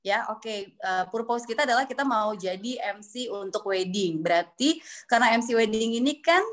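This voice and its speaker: A woman's voice: on the high side, moderate pace. Friendly woman coaching public speaking. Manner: friendly, explanatory, uses frequent tag words. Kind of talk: online class, answering questions.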